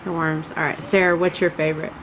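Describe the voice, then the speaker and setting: A woman, a mother hosting a casual family question round, prompting her children with brisk questions and short encouraging replies. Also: deep voice, level tone, fairly bright tone, a little hiss or hum, poor audio. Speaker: mother and channel host interviewing her children.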